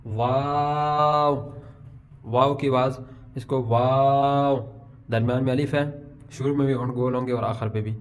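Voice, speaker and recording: A man's voice: mid-range voice, steady tone. A middle-aged man teaching letter pronunciation to beginners, patiently explaining each sound and stretching out the example letters. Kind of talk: Urdu alphabet lesson.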